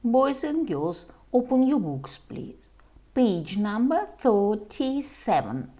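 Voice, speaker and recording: A woman reading a homework lesson aloud for young children, slowly and carefully, as their English teacher. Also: on the high side, big pitch swings, mellow.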